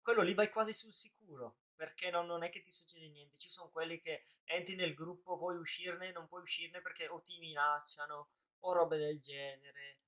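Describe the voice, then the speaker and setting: A man's voice: fairly high pitch, steady tone, normal speed, fairly bright tone. A man in casual live-stream talk, thinking aloud in long rambling answers full of restarts.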